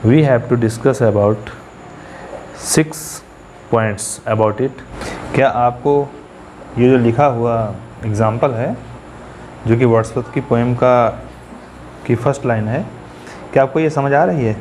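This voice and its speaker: A man lectures at a very unhurried pace. He repeats each key term and keeps asking his students questions. Faint room noise sits under his voice. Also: medium pitch, a little mellow. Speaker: English teacher. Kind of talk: classroom lecture.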